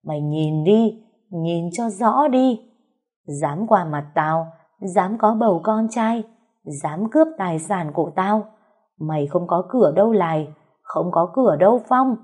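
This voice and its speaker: A hateful old mother-in-law from a spoken ghost story, as a woman narrator puts her on, harsh and menacing. Her voice sits low, dark and mellow, with a husky edge. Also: lively intonation, measured pace.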